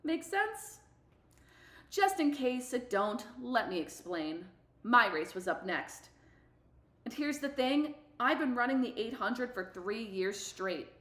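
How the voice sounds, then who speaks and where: A woman voices a sassy middle-school girl runner telling her own story in an expressive, audiobook-style storybook read-aloud. The fiercely competitive character speaks emphatically with slangy phrasing, in a sassy, confiding mood, using a full character voice. Her fairly high, slightly bright voice swings widely in pitch, takes things slowly, and rings in an echoey room.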